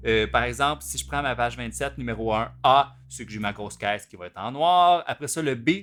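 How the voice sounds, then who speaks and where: A man's voice: medium pitch, fairly quick, a bit bright. A man with a Québécois French accent, a drum teacher explaining rhythms step by step and counting the beats aloud. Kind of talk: instructional video explanation.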